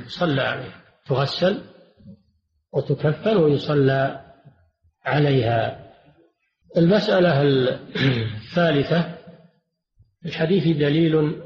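An older man and religious scholar giving a measured classroom lecture, repeating and rephrasing each point. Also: a little high. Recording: dull, roomy lo-fi lecture recording.

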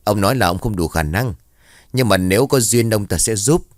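Man doing an uneasy middle-aged neighbor, hesitant and gossipy, lowish voice. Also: animated, moderate pace, dry recording, studio quality, natural voice. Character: helpful middle-aged village man, superstitious.

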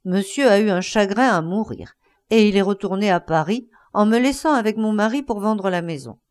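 A woman voicing an old, pious and stern female housemaid in a storybook reading, curt at first, then telling her master's story in a lowered voice. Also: moderate pace, a little mellow, close to an everyday voice. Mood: confiding. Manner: dry, curt, then confiding.

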